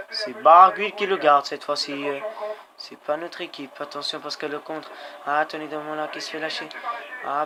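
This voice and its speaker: Excitable man cheering on a cycling game. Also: a little high. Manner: excitable, swears, cheers his riders on. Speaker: gamer. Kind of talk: let's-play commentary. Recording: background noise.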